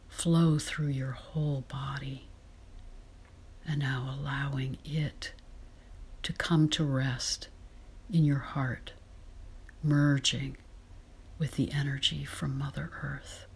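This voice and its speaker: Slow, whispering meditation guide, woman. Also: very deep voice. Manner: soft breathy whisper, slow and soothing.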